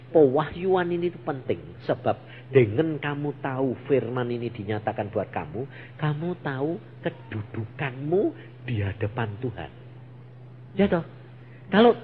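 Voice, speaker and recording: Javanese-accented male preacher, high lively voice, muffled live recording. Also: slight background noise. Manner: animated, coaxing questions to the congregation, mixing Javanese words. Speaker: evangelist preacher. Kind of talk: sermon.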